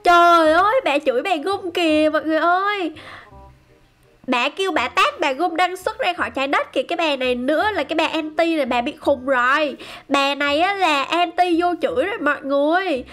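A woman giving excited, chatty game commentary to her viewers. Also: sits high, brisk, soft background music. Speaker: gaming YouTuber.

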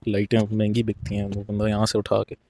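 With a brisk, completely flat delivery, a young male vlogger explains things to the camera as he walks through an outdoor car lot, mixing in English phrases in casual commentary. His voice is lowish and mellow, with slight background noise.

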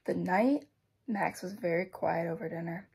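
A woman reading a children's picture book aloud, expressive and voicing sound effects. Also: lowish voice, moderate pace, creaky, slightly rough. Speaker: storybook reader. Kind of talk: children's read-aloud narration.

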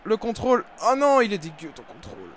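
A young man giving live commentary over his football video game, with excitable, frustrated outbursts about his bad luck. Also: high-pitched, fairly quick, slight background noise. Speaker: gaming YouTuber. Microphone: desk microphone.

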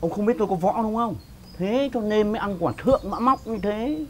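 A man's voice: high voice, fairly quick, a little hiss or hum. A man acting in a rural comedy sketch, a pushy, boastful villager who stammers as he invites neighbours to his son's wedding.

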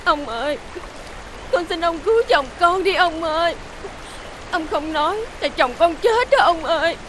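An actress playing a devoted young wife, with a Southern Vietnamese accent and a pleading, emotional manner. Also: female voice, very high voice, unhurried, a little hiss or hum. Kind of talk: TV fairy-tale drama acting.

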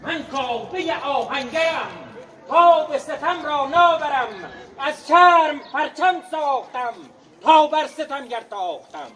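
A man giving a theatrical, declamatory recitation of epic verse in the naqqali storytelling style, proud and dramatic, with drawn-out words. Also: very high voice, lively intonation, sharp tone, a faint crowd.

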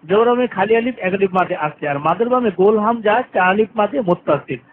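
A man teaching Quran recitation rules, repeating each rule and drawing out the verses very slowly. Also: sits high, animated. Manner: repeats rules and verses, stretching vowels very long. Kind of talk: tajweed lesson with slow drawn-out recitation. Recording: tinny lo-fi phone-like recording, faint hiss.

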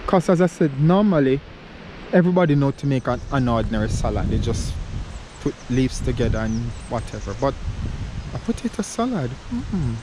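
In a wooded glen, a thirty-something man records a casual outdoor foraging vlog on an action camera held at arm's length, chatting, musing aloud, and laughing at his own ideas. His mid-range voice moves with big pitch swings at normal speed, over outdoor audio with wind, rustling leaves, and ambience.

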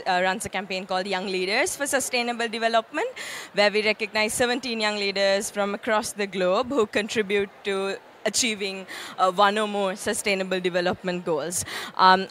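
A young woman from Sri Lanka answering interview questions on a handheld mic at an event studio, earnest and steady, with many ums and uhs. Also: mid-range voice, slight background noise. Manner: earnest, steady, with frequent um and uh fillers. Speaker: interview guest, UN youth official. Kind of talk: conversational interview. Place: event studio stage with a branded backdrop. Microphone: handheld microphone.

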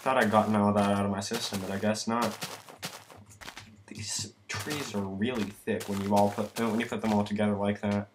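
A teenage boy from the United States, tired and sick, rambling through self-mocking gameplay commentary with sudden loud outbursts. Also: on the low side, little pitch movement, normal speed. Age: teens. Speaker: let's play gamer. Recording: noisy home recording.

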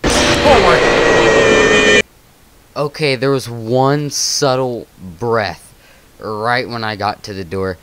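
A man's voice: medium pitch, steady tone, takes it slowly, background noise. A man hosting a gaming channel, giving let's play commentary as he thinks aloud with nervous exclamations.

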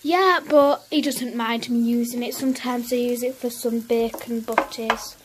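A woman's voice: fairly high pitch, fairly even intonation, normal speed, noisy background. A teenage girl with a Northern English accent chatting through a cook-along vlog in her home kitchen, rambling and correcting herself as she goes. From England. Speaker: vlogger. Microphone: phone camera held close.

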